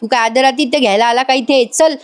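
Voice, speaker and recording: A woman's voice: sits high, fairly even intonation, fast talker, close to an everyday voice. A woman voicing a bold, protective young man who talks in rustic village speech and scolds his friend, in a retold serial scene. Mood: scolding.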